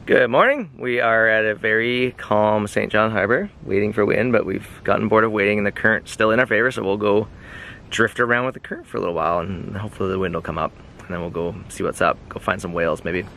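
A man in his thirties talking casually to an arm's-length camera on a sailboat, relaxed and rambling with lots of ums. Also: lowish voice, fast talker. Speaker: sailing vlogger. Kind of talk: casual vlog narration. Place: sailboat at sea, outdoors and in cabin. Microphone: handheld action camera at arm's length. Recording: background music over outdoor audio. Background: music.

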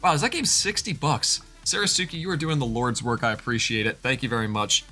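A man's voice: mid-range voice, fairly quick, pushed and bright, faint music behind. A young man in his twenties streaming live, chatting casually and rambling, with a stuffy nose from allergies. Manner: rambling, chatty, thanks chat by name.

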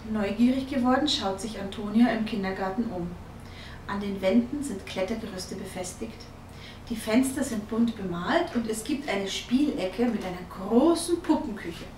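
A woman reading a picture-book story aloud to young children, lively and expressive. Her voice sits slightly high. It is recorded from a little way off in an echoey room. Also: distant mic, a little hiss or hum.

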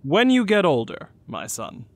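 A man's voice: sits high, wildly swooping pitch, unhurried, no room sound, heavily acted. An actor playing a pompous, grandly polite father in a comedy radio play.

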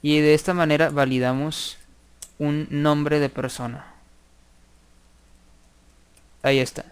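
A man giving a screen-recorded programming tutorial, thinking aloud and dictating code slowly as he types. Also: on the high side, level tone, clear, resonant tone.

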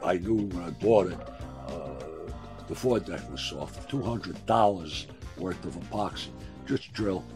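A man in his sixties with a husky voice, chatting casually in a gruff, wry, halting way. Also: low voice, animated, music in the background. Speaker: boat builder and owner being interviewed. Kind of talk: casual chat. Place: small wooden sailboat cabin.

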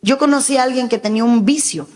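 A middle-aged woman pastor preaching a sermon emphatically, breaking into sudden high shouts and acted quotes. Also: fast, long reverb tail.

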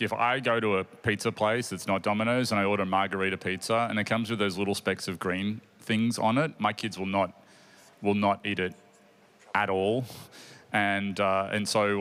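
A man in his forties hosts a panel on a large conference stage, holding a mic before an audience. His lowish, fairly bright voice runs a little fast with fairly even intonation, and he's eager and chatty, full of fillers and restarts.

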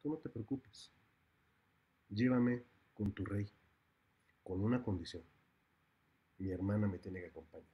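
A man voicing a calm, clever young woman, soft-spoken and resolute. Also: on the low side, a little slow, pauses often, husky, highs cut off.

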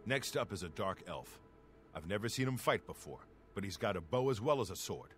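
An actor playing a gruff middle-aged gladiator trainer in a fantasy video game, giving tough, condescending coaching. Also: male voice, fairly low pitch, lively intonation, brisk, a bit bright, slight background noise. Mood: gruff, stern. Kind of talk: video game character dialogue.

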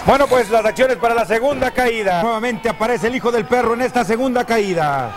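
A man's voice: very high-pitched, a little fast, music in the background. A man with a Mexican accent calling lucha libre play-by-play as a wrestling commentator. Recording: noisy old TV broadcast, crowd roaring behind. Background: loud arena crowd.

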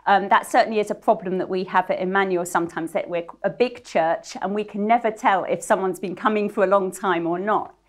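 A woman's voice: medium pitch, fairly even intonation, a little fast, hardly any pauses. A middle-aged woman interviewing a church member, asking questions and affirming the answers, on a lapel mic in a small studio. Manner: encouraging, affirming. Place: small indoor studio set.

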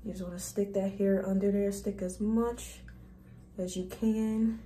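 A woman's voice: mid-range voice, little pitch movement, unhurried, mellow, a little hiss or hum. A young woman vlogger talking viewers through a hair tutorial in a casual, chatty, informal way. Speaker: beauty vlogger.

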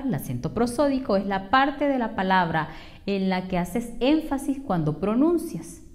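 Woman slowly spelling out a grammar lesson. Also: fairly high pitch, warm tone. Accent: Honduran Spanish. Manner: slow, careful over-enunciation of example words. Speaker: teacher. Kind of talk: educational lesson narration.

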